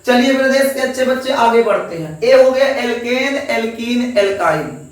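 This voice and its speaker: A man's voice: extremely high pitch, lively intonation, moderate pace. A male teacher with a lilt gives a classroom chemistry lecture, coaxing students and repeating each answer back as a question. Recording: echoey room, voice from a distance.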